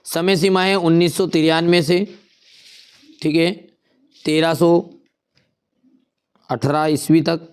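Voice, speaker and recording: A young male teacher works through an exam paper. His voice sits a bit high and sounds smooth and clean. He slows down and repeats key answers as if dictating them to students. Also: flat delivery.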